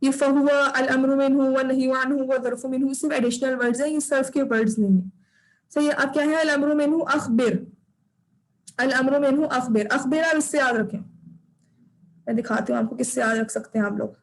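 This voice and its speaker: A woman's voice: high voice, steady tone, fairly quick, low-quality recording. A woman teaching an online class, patiently drilling recitation and repeating her corrections over a video call.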